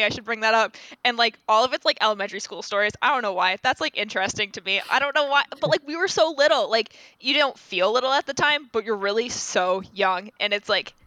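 Bright-voiced young woman chatting. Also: fairly high pitch, no room sound, rough recording. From Rhode Island. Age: 20s. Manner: chatty, many fillers, animated storytelling. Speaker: podcast co-host. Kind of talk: casual chat.

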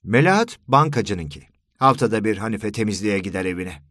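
A low-voiced man reads a first-person story aloud with lively, expressive intonation. His delivery is weary and dry. The sound is close and dead, with no room echo. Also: fairly quick. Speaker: audiobook narrator.

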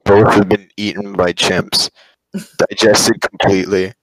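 A man in casual chat using a goofy voice that leaps wildly in pitch. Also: flat delivery, measured pace, rough recording. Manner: goofy voice with wild pitch jumps.

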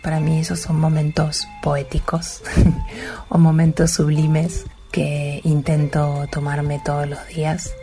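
A woman from Argentina, a poet speaking softly and reflectively about her writing, with hesitant restarts. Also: low-pitched, completely flat delivery, takes it slowly. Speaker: poet guest. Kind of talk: recorded interview and poetry reading. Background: music.

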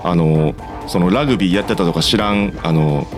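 A man's voice: deep voice, a little fast, over music. A young man with a Kansai accent, co-hosting a casual comedy podcast and telling a story with sound effects and acted-out quotes. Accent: Kansai Japanese. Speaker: podcast co-host.

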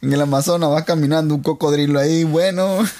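A man's voice: on the high side, fairly even intonation, fast, darkish tone. A Venezuelan man co-hosting a casual chat, joking and laughing often, dropping in English words. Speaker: co-host.

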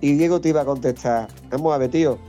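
A man's voice: on the high side, fast, warm tone, faint music behind. A man with an Andalusian accent co-hosting a podcast in casual, teasing banter. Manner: joking, teasing banter with laughter. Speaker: podcast co-host. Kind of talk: casual chat.

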